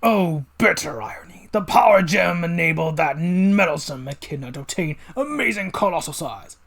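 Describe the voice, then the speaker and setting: A man's voice: fairly high pitch, animated, normal speed, gravelly, fairly bright tone. A grandiose cartoon villain, acted out by a man reading a comic aloud. He is a scheming, scornful mad scientist. His delivery is theatrical and pompous, savoring long words. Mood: bitter. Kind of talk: dramatic comic read-along.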